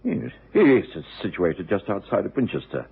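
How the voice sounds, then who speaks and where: An actor playing a genial, sensible doctor in a radio drama, with a British accent and a husky voice. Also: male voice, on the low side, very animated, normal speed, full character voice. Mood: curious. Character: genial, sensible male doctor, the detective's companion. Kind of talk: radio drama acting and narration. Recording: thin, narrow-band old radio recording.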